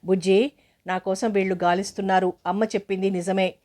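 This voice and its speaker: Woman voicing a curious young boy, eager, nervous, soft-spoken, storybook, level pitch. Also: level tone, fairly quick, natural voice.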